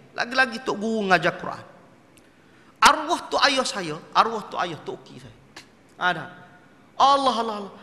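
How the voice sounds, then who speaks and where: A middle-aged man giving a mosque sermon, telling lively stories and acting out his teachers' voices. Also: very high voice. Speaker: religious teacher. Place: mosque prayer hall. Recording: echoey hall.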